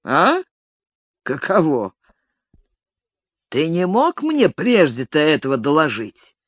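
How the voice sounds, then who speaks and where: A reader voicing a stern, impatient male estate manager who scolds curtly in a lowered voice. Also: big pitch swings, slow pace, fairly bright tone, no echo, clean studio sound, heavily acted. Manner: curt, severe scolding. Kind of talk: audiobook character reading.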